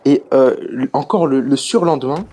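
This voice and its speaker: A man's voice: mid-range voice, normal speed, dark tone. A young man calling in to a stream, telling an embarrassing story with many hesitations. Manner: hesitant, many fillers and restarts. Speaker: caller. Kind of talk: casual confession story.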